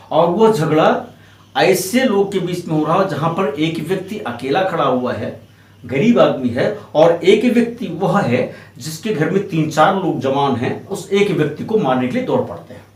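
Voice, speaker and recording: Male advocate guest, animated storyteller, higher voice, recorded off-mic in a roomy space. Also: normal speed, distant mic. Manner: animated, acts out quoted voices in his story. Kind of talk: explanatory storytelling in an interview.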